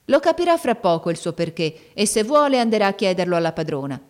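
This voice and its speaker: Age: 50s. Figure: a brash, mocking maidservant, put on by a woman reading aloud. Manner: impatient, curt and sneering. Pitch: raised and loud. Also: sing-song, fast talker, natural voice. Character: brash, mocking fifty-year-old maidservant. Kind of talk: audiobook reading.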